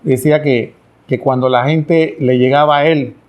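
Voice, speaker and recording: A man's voice: medium pitch, fairly even intonation, moderate pace, lo-fi sound. A middle-aged man, a catechist, giving a talk to pilgrims, acting out family dialogues and asking the audience rhetorical questions. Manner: acts out family dialogues with pleading voices.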